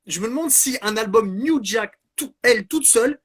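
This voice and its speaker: A man's voice: extremely high pitch, lively intonation, normal speed, slightly rough. A man co-hosting a casual music chat, enthusiastic and playful. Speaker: podcast co-host.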